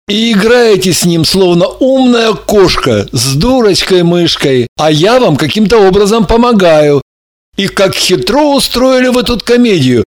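Man reading as an anguished young man cursed in love. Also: high voice. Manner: pleading, despairing. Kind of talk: audiobook character reading.

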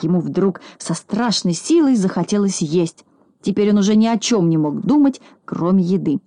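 A woman reads a children's story aloud in a calm, even way. Her voice is mellow and soft in tone. The sound is close and dry. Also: mid-range voice, moderate pace, no room sound. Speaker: narrator.

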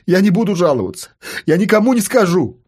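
A man voicing a panicking young man locked in a shed, shouting and pleading in a frantic, strained voice. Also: sits high, sing-song, fast talker, husky, voice pushed up, heavily acted.

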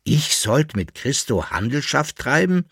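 A man voicing a weary, patient old emperor who speaks in a measured, mild way. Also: medium pitch, very animated, creaky, a bit bright, slightly rough, no room sound, studio quality, pitched above the performer's own voice, full character voice.

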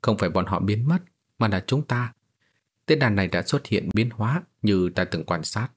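Male narrator reading an unflappable young swordsman, composed, low husky tone. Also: animated, normal speed. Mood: calm. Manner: composed, matter-of-fact.

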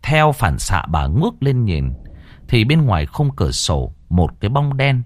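A man's voice: medium pitch, big pitch swings, unhurried. A man narrating a horror story in a dramatic, suspenseful way.

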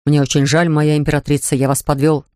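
A man reading an audiobook, voicing an amorous, indulgent young man in a lowered, murmuring voice, in a dry studio. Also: little pitch movement, quick pace, dark tone, no echo, close to an everyday voice.

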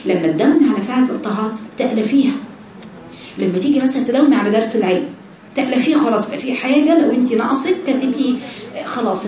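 A woman with an Egyptian accent giving a fast, animated religious lesson to women, mixing everyday speech with recited scripture. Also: a little high. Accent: Egyptian Arabic. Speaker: religious teacher. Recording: echoey room, voice from far off.

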